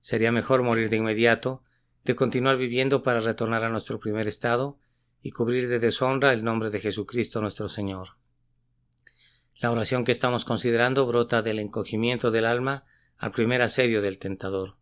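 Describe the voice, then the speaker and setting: A man reading a sermon aloud with an earnest, measured preaching delivery. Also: medium pitch, steady tone, fairly bright tone, clear, resonant tone. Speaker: sermon reader.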